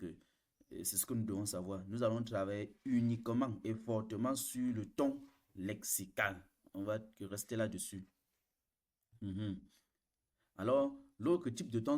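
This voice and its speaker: A man teaching a language lesson, explaining slowly, repeating each point and demonstrating tones aloud. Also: lowish voice, darkish tone. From Cameroon. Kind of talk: classroom lesson.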